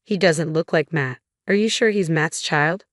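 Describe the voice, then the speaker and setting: A woman's voice: low voice, moderate pace, no room sound, studio quality, close to an everyday voice. A woman reading the lines of a cold, disapproving older mother-in-law in a storybook drama, curt and sarcastic. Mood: accusing.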